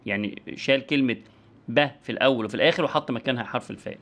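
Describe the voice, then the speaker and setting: A man's voice: medium pitch, very fast, fairly bright tone. A man with an Egyptian Arabic accent giving an online lecture and demonstrating speech sounds as he explains.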